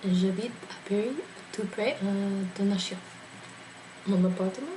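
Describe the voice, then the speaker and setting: Slow hesitant American woman, hissy recording. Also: medium pitch, fairly even intonation. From New York, USA. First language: English. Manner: hesitant, many filler sounds, learner's French. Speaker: doctoral student. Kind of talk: self-introduction.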